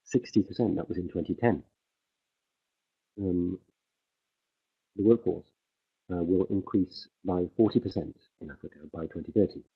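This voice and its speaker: Through thin, phone-like livestream audio that seems to come from an interpreter booth, a husky, deep-voiced man renders a conference talk live. He is halting, full of fillers and restarts, while still tracking the speaker.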